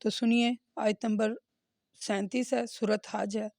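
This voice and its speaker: A woman's voice: on the high side, level tone, a little slow, gravelly, darkish tone, no echo, studio quality. A woman giving a religious lesson in speech, explaining verses earnestly and checking in with listeners with a questioning "hmm?". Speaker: religious teacher. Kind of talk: Quran lesson with commentary.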